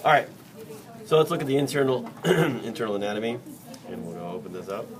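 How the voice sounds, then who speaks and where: A man's voice: mid-range voice, a little fast. Male biology teacher, playful and chatty, quizzing students; distant mic, classroom chatter behind. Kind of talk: classroom dissection demonstration.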